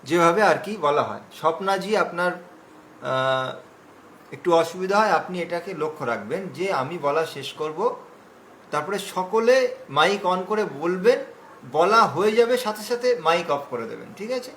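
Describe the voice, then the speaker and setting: High-voiced man teaching slow chanting. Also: animated, fairly bright tone, a little hiss or hum, rough recording. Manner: corrects pronunciation syllable by syllable, chants verses slowly. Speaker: scripture recitation teacher. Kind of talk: online recitation class. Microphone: video call.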